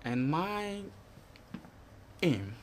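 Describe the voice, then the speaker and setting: With a voice on the high side, sing-song and very slow, a young man from Ghana in his twenties rambles through a TV studio interview as the guest. He keeps saying "you know" and "you understand," and there's slight background noise.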